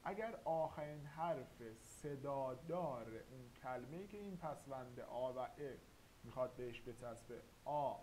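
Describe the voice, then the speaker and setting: A man teaching a grammar lesson, slow and deliberate, spelling out sounds one by one. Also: medium pitch, expressive, darkish tone, low-quality recording. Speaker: language teacher. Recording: faint hiss.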